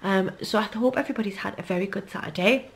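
A woman's voice: medium pitch, fast talker, background noise. A woman in her thirties with a Geordie accent, chatting casually to her camera at home in a rambling family vlog. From North East England. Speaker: vlogger, mother.

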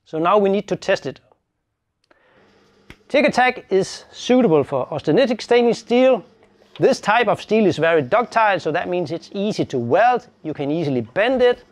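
With a high voice, lively intonation, and a moderate pace, a man in his fifties gives a step-by-step product tutorial. He's a welding specialist speaking plainly, picked up by a lapel mic.

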